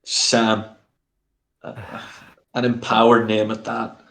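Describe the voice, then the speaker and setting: A man plays his character in a tabletop game, talking in a playful and flattering way. His voice comes through with a roomy echo. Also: lowish voice, slow pace. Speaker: player.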